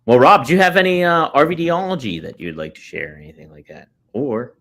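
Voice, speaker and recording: A man in his late thirties co-hosting a podcast, easygoing and quick to chuckle along. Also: fairly high pitch, big pitch swings, a bit bright. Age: 30s. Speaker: podcast co-host. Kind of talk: casual podcast chat.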